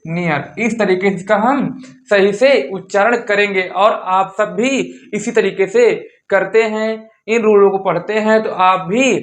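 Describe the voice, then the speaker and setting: A man with a fairly high voice teaches a lesson on pronunciation rules. He keeps asking a question and answering it himself, repeating each word several times in a patient drilling rhythm. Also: a little slow. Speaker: English teacher. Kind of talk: classroom-style lesson.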